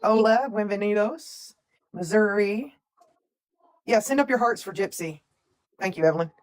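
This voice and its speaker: A woman from talks in an easy, chatty way on a home livestream. She keeps up a steady running commentary, reading viewers' comments aloud in a mid-range, everyday voice. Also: medium pitch, normal speed. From Tennessee, USA. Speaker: livestream co-host. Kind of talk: casual livestream chat.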